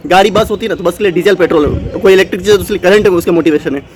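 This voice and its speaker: A man with a high voice talks very fast in an unscripted motivational talk to exam students. The motivational channel host rambles, with lots of fillers and restarts.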